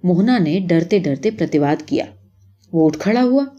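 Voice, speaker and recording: A woman narrating a literary short story, reading expressively and giving the characters lively voices. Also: fairly low pitch, muffled recording.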